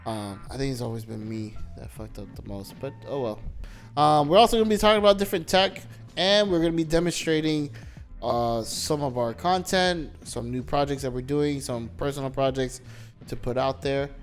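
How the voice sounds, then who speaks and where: A man's voice: mid-range voice, normal speed, soft background music. A young man hosting a casual podcast, joking and teasing his co-host as he talks. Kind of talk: casual chat.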